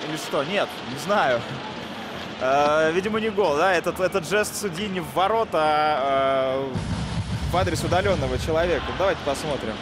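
A man's voice: fairly high pitch, normal speed, background noise. A man giving live hockey play-by-play commentary in short phrases that follow the play.

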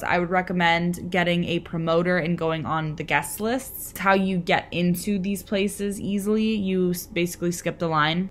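A woman's voice: lowish voice, slight background noise. A young woman in casual vlog chat, talking from her bed with lots of likes and ums into a close camera. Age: young adult. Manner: chatty, lots of fillers. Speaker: vlogger. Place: bedroom.

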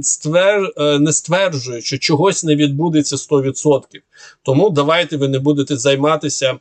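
A man talks through viewers' questions off the cuff in a somewhat high voice. He is sarcastic and combative, pausing often on filler sounds. The sound is dry and close, with no room echo. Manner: sarcastic, argumentative, hesitant with frequent filler sounds. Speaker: military analyst answering viewer questions. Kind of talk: unscripted monologue.

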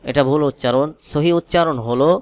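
Smooth-voiced man teaching Quran spelling. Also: a little high, no room sound. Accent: Bangladeshi Bengali. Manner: slow melodic chanting when reciting verses, plain explaining between. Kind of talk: spelling-out Quran recitation lesson.

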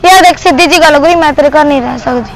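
A woman's voice: high-pitched, over music, low-quality recording. An actress playing an angry young woman with a Punjabi accent, confronting her boyfriend outdoors by a street in a short film. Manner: sharp, confrontational, fast retorts. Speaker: girlfriend.

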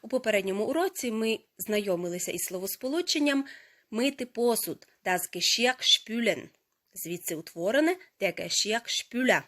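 A woman teaching a language lesson, explaining grammar step by step and saying each foreign word slowly and carefully. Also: fairly high pitch, expressive, a bit bright. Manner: slow, careful pronunciation of foreign words.

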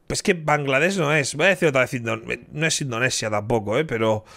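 A man's voice: mid-range voice, brisk, gravelly, a bit bright. A man, reacting to a quiz in casual commentary, thinking aloud, repeating his guesses and cheering himself on. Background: quiz background music.

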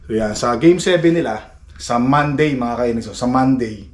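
Playful joking Filipino dad vlogging at home. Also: male voice, medium pitch, moderate pace. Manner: playful, boastful joking, frequent laughs. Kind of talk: casual home vlog chat. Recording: faint background noise.

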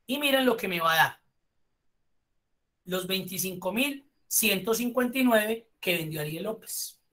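A woman's voice: mid-range voice, expressive, unhurried, a bit bright. Woman teaching an online class. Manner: explanatory, patient, praises students. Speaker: spreadsheet course instructor.

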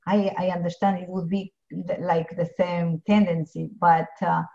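Gravelly and mellow, the fairly low voice of a middle-aged Ecuadorian woman barely moves in pitch and runs at normal speed. She's a pharmacist guest speaking earnestly on a video call from her home office with bookshelves, with frequent restarts and fillers. The sound is dull and lo-fi.

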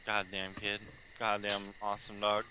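A man's voice: fairly low pitch, completely flat delivery, normal speed. A man making crude, teasing banter in casual chat while playing an online game with friends. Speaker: gamer in a let's play group. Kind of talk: casual chat during gameplay. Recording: faint noise, insects and game ambience.

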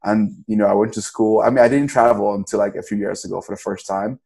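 A man's voice: fairly low pitch, steady tone, fast talker, gravelly, mellow, slightly rough. A young man from Cameroon, a podcast guest, talking casually in a loose, rambling way with many restarts. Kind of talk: casual interview.

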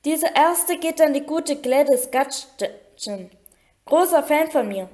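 A woman's voice: high-pitched, lively intonation, takes it slowly, a little mellow, pitched above the performer's own voice. A woman voicing a vain, pompous, chattering male teacher in a storybook reading. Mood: smug. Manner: pompous, self-satisfied.

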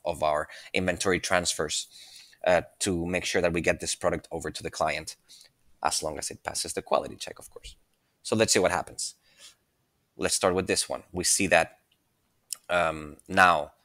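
A man presenting a screen-recorded software walkthrough, talking in a relaxed way and thinking aloud with fillers and restarts. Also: sits low, dry recording.

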